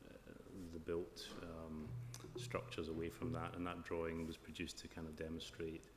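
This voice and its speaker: A very deep, monotone male voice at a moderate pace belongs to a flood risk and drainage consultant with a broad Scottish accent. He gives formal question-and-answer evidence as an expert witness at a planning inquiry, in an echoey hall with clear background noise.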